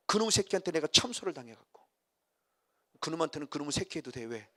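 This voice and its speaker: A man's voice: a little high, sing-song, fast talker, pushed and bright. A middle-aged man preaching a sermon as a pastor, vividly acting out scenes and reading scripture aloud.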